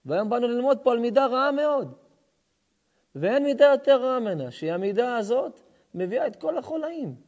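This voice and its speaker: A man giving a fervent Hebrew sermon as a rabbi, moving between forceful exhortation and soft, intimate storytelling. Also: extremely high pitch, very animated. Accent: Israeli Hebrew. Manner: impassioned, rising to near-shouts at the opening, then hushed and intimate. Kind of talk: sermon to a live audience.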